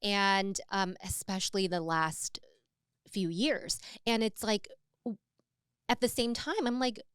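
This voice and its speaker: A woman's voice: mid-range voice, takes it slowly, a bit bright, clean tone, no room sound, clean studio sound. A young adult American woman co-hosting a podcast, speaking in an earnest, thoughtful way with many fillers and restarts. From United States. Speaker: podcast co-host. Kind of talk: casual conversation.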